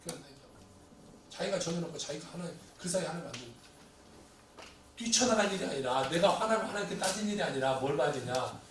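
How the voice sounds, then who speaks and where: A high-voiced male pastor preaching a Sunday sermon, rising to loud pleas and dropping to quiet asides. He is recorded from a distance in a very echoey church sanctuary. Faint room noise sits under his voice. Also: animated, quick pace.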